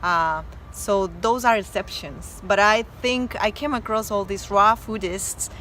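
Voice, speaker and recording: This Mexican doctor, a woman with a Mexican Spanish accent, talks a little slowly in a medium-pitched, fairly bright voice during a casual interview. She's earnest and emphatic, restarting often and using many fillers; the low-quality recording has a bit of hiss or hum.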